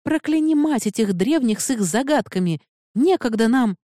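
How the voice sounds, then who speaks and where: A woman's voice: a little high, very animated, normal speed, warm tone, no echo, studio quality, pitched above the performer's own voice. Woman playing a blunt, impatient young woman. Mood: angry. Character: impatient, sharp-tongued young woman, fierce ally.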